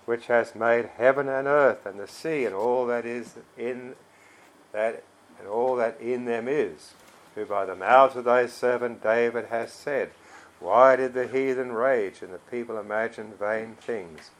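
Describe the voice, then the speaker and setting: Male preacher, unhurried delivery, solemn scripture reading and prayer, emphatic stressed phrases, mid-pitched voice. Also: poor audio.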